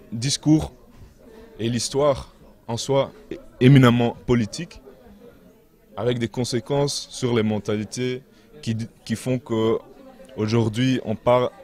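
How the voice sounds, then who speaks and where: Slow, low-voiced young man. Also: a little mellow. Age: young adult. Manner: measured, pauses to find his words. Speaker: interview guest, activist. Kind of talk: earnest spoken interview answers. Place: large indoor exhibition hall. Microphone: handheld mic.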